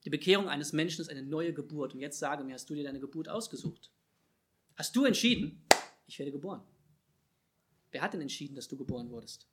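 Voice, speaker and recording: A man preaching a sermon, swinging between loud emphatic calls and quiet, low asides. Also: fast talker, hardly any pauses, a little hiss or hum.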